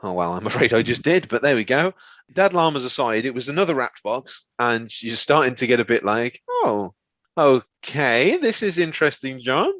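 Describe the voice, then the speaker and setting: A man in casual comic storytelling mode, his pitch swinging widely as he rambles and trips over words. The sound is dry and a little dull, like a lo-fi close mic. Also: expressive, a little fast, fairly bright tone, no echo. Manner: rambling, stumbles over words, laughs often. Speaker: podcast co-host. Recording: slightly dull, lo-fi.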